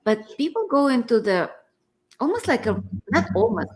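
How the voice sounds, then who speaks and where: A woman's voice: high voice, big pitch swings, normal speed, a little mellow. A woman co-hosting a casual online conversation, musing in a reflective, spiritual way. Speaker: co-host.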